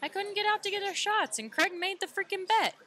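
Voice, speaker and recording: A woman's voice: extremely high pitch, lively intonation, a little fast, bright, forceful tone. A young woman co-hosting a live football watch party in a bar, joking and teasing in casual banter. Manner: playful, teasing. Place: in a bar or brewery.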